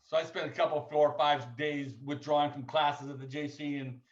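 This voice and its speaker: A man's voice: a little high, fairly even intonation. Man in his 60s on an echoey video call. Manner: halting, rambling, many restarts. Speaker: former athlete sharing memories. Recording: echoey, distant, dull video call audio.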